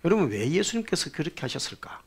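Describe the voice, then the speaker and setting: A male pastor preaching a sermon, telling a story with rhetorical questions, swinging between loud bursts and quiet asides. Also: on the high side, big pitch swings, fast talker, husky. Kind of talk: sermon with anecdote.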